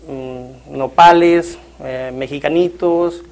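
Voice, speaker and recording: A man in his thirties, a shelter's medical worker, calmly answering interview questions in a clinical way with a lapel mic in a small office. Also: fairly high pitch, slow pace. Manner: calm, clinical, with frequent fillers.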